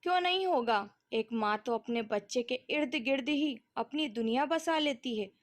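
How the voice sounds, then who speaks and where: A woman's voice: high-pitched, expressive, moderate pace. A woman voicing an irritated middle-aged wife who complains in an exasperated, short-tempered way, read as part of a storytelling narration. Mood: reflective.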